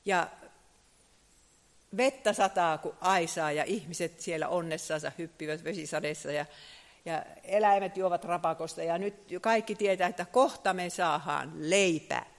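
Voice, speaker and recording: A man preaching a sermon, telling the story in a lively way, his voice swelling loud and then dropping low. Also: in a large hall.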